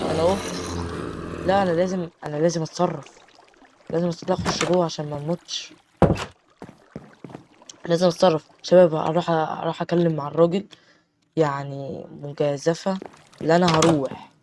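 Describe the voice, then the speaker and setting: Excitable Egyptian man playing a game. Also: on the high side, quick pace, pauses often, very noisy. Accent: Egyptian Arabic. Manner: chatty, bursts into panicked shouting. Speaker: gaming channel host. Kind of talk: game commentary let's-play.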